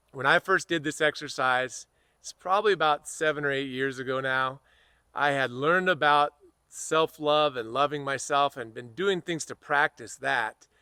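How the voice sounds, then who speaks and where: An American man giving a slow, earnest spiritual self-help lesson, speaking softly and repeating phrases. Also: medium pitch, clean tone, no echo, clean studio sound. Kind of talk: guided spiritual talk to camera.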